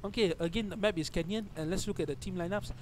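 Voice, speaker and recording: A young man with a Malaysian accent calls a live esports match for his stream, his voice sitting high. He gets excited quickly and keeps correcting himself as he goes. A steady noisy hum runs under the whole recording. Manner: excitable, often corrects himself mid-phrase. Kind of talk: live tournament commentary.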